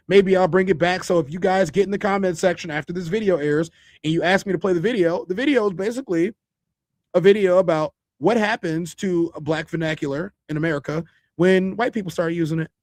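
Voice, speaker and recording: A man hosts a casual podcast, his voice pitched high for a man. He talks loosely to his viewers and thinks aloud with restarts. The sound is dry and close. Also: fast talker, a little mellow, dry recording. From Chicago. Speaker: podcast host.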